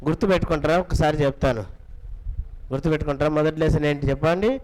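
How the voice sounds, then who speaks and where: A man's voice: fairly high pitch, fast, poor audio. Man coaxing a children's class. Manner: coaxing, repeats questions, urges children to answer loudly. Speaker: Bible school teacher. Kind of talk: teaching children, quizzing the class.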